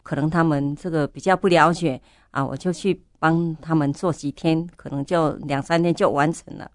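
A woman's voice: sits low, fairly even intonation, normal speed, no echo, clean studio sound. An older woman, a church elder, telling her story in an interview and fervently repeating her prayers aloud. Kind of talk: testimony interview.

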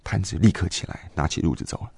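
A man in his twenties telling a personal faith story in an interview, earnest and halting, with many fillers and restarts. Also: deep voice, gravelly, mellow, slightly rough, no echo. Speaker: guest giving a faith testimony.

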